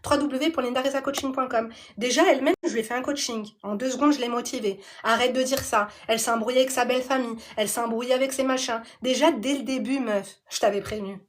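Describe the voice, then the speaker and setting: Sassy high-voiced woman ranting. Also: fast talker, hardly any pauses. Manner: animated, sassy street slang. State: annoyed. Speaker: vlogger. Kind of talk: live storytime chat.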